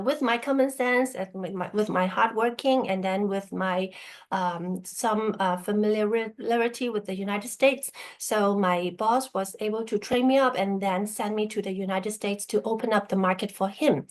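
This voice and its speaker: A woman born in Burma and raised in Hong Kong shares her story as a guest presenter over a video call. She gives a casual spoken presentation to an online group in a mid-range voice. She checks in with listeners by asking "okay?"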